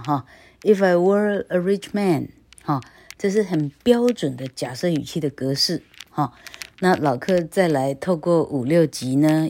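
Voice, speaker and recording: On her podcast, a middle-aged woman rambles chattily through an English grammar lesson, ending sentences with "ha." Her voice sits low with a dark tone.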